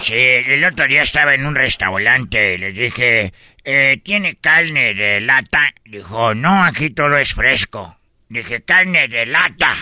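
Comic lead: a man putting on a goofy foreign vendor with broken Spanish, very bright voice, lively swooping pitch, music under it. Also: slow pace, no room sound, studio quality, full character voice. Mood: joking. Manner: mangles words, deadpan absurd jokes. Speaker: radio comedy host. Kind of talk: radio comedy sketch.

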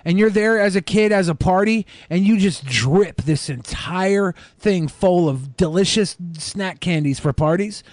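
A man in his mid thirties co-hosting a casual podcast, excitable and profane, riffing jokes. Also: sits high, measured pace, few pauses, no echo. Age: 30s. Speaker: podcast co-host. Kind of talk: casual chat.

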